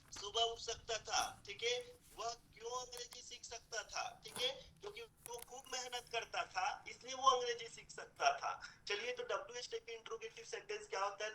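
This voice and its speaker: A man teaching a spoken English class, repeating example sentences slowly and urging his students to practise and work hard. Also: high voice, sharp tone, slight background noise, low-quality recording. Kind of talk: online language class explaining grammar.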